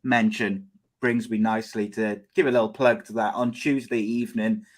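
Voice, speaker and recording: A man's voice: on the low side, fairly even intonation, normal speed. Chatty Cardiff man hosting a podcast. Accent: Cardiff Welsh. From Cardiff, Wales. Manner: chatty, bantering. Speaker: podcast host. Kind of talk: casual sports podcast chat.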